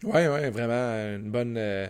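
Male podcast co-host, Quebec French accent, hoarse gravelly voice, casual delivery at an average pitch. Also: unhurried. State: hoarse voice after two wrestling shows. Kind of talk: casual chat.

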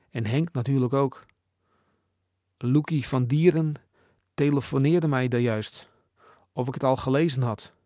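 A sweet, chatty schoolgirl pouring out her excitement in a letter, as a male narrator reads it. The delivery stays near his own gravelly voice. The sound is close and dry. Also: medium pitch, no room sound. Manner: chatty, gushing.

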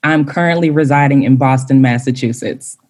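A woman's voice: rumbling low, fairly quick, darkish tone. A young woman from Dallas, a sales executive chatting as a panel guest in a playful, talkative way. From Dallas, Texas. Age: young adult. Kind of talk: casual panel chat.

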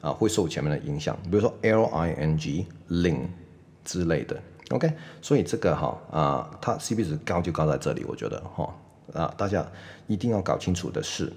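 A deep-voiced man teaches pronunciation in an online lesson. He explains patiently and draws out each sound slowly to demonstrate it. He peppers his talk with "OK". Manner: sprinkles "OK" through his speech.

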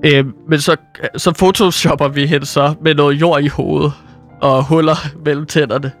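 High-voiced young man riffing playfully. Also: steady tone, soft background music. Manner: laughing, playful, acts out lines to an imagined woman. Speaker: podcast co-host. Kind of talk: casual comedic brainstorm chat.

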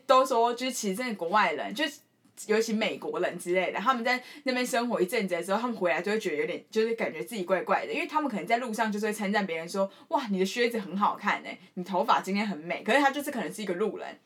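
A young woman with a Taiwanese Mandarin accent, co-hosting a casual podcast chat and telling stories in an animated way, laughing often. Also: medium pitch, racing, breathy edge. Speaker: podcast co-host.

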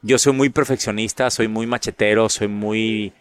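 A middle-aged man from Monterrey with a northern Mexican accent, telling stories in a casual interview, animated and often repeating words while he finds them. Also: lowish voice, normal speed, clean tone. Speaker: actor and guest.

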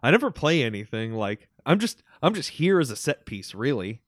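A man's voice: medium pitch, big pitch swings, normal speed, no room sound. Dry-humored male podcast co-host. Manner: dry, self-mocking humor. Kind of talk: casual chat.

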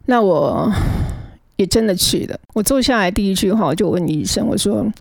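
A woman's voice: mid-range voice, lively intonation, normal speed, creaky, a little mellow, dry recording. A middle-aged woman, earnestly recounting her own past as a guest and often stammering as she restarts her sentences. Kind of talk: emotional personal storytelling.

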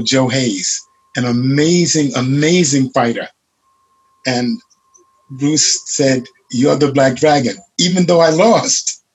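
Husky-voiced male panel guest, mid pitch, reflective storyteller. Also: rough recording. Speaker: martial arts master, panel guest. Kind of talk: panel discussion.

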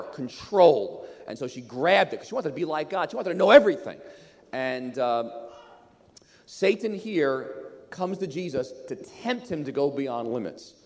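A man delivering a sermon, animated and pushing to loud emphasis at his key points. His pitch sits in a middle register but swings widely. A long reverb from a large hall hangs behind him. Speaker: pastor.

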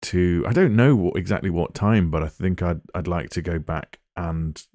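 A man's voice: sits low, moderate pace, a little mellow, no room sound, clean studio sound. A man in his thirties with an Essex accent, chatting casually and jokily as a podcast co-host. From Essex, England. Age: 30s. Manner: jokey, chatty. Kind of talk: casual chat.

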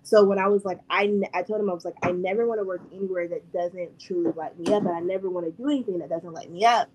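A woman's voice: lowish voice, steady tone, fast, a crowd in the background. Chatty woman host, "like"-heavy storytelling. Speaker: podcast host. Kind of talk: casual interview chat.

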